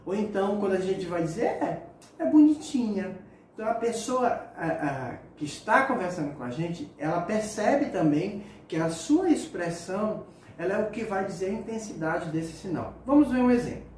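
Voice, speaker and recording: A man teaching a sign language lesson, speaking haltingly and repeating words as he demonstrates signs. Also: sits high, lively intonation. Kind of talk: spoken lesson explaining signs. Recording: echoey distant mic with faint room noise.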